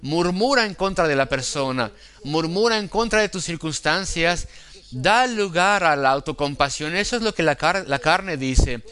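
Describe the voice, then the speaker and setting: A man preaching a sermon, quoting scripture and acting out inner temptations, with slow, deliberate emphasis. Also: a little high, expressive, pushed and bright.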